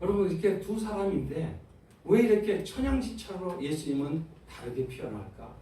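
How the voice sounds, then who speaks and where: A man's voice: high voice, moderate pace, slight background noise. A man preaching a sermon as pastor, asking his congregation questions and acting out voices. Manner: animated, asks the congregation questions, acts out voices. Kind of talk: sermon with congregation call-and-response. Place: church sanctuary. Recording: very echoey church hall, from far off.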